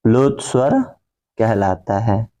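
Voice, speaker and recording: A man's voice: fairly low pitch, dark tone. A man teaching a grammar lesson, who keeps asking questions and answering them himself to drill the key points. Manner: drawn-out chanting of example words.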